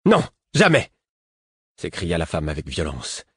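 A man's voice: mid-range voice, animated, moderate pace, slightly rough, no room sound, studio quality. A man voicing a proud, vengeful woman rebel who speaks sharply and defiantly in an audiobook. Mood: vehement.

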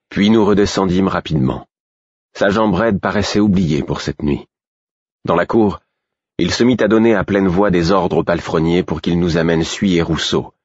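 A man reading a first-person novel aloud, with steady, measured narration and voices for the characters. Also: low-pitched, slightly rough, dry recording, dull audio. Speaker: audiobook narrator.

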